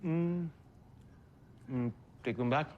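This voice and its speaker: A man's voice: on the high side, takes it slowly, darkish tone, muffled recording, slight background noise. An actor playing a cheeky young man running a prank, teasing with mock innocence.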